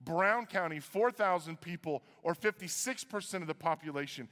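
A man from Iowa preaching a sermon as pastor, conversational with joking asides. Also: moderate pace. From Iowa, USA. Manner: conversational, joking asides, lively swings in pitch. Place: church auditorium. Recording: reverberant church hall.

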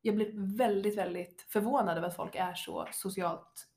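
A woman's voice: mid-range voice, darkish tone. A woman in casual chat who rants animatedly and mimics people as she talks. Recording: echoey room.

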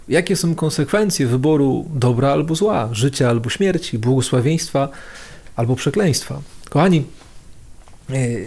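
A man's voice: medium pitch, a little mellow. A man giving a casual video sermon as a priest, talking in a conversational, slangy way and repeating phrases for emphasis.

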